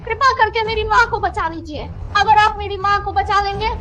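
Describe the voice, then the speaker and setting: A desperate, regretful young wife in a dubbed melodrama, voiced by a woman. Her voice sits very high and sharp, and it breaks into tearful begging. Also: steady tone, normal speed. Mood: pleading. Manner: pleading, tearful. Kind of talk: dubbed drama dialogue.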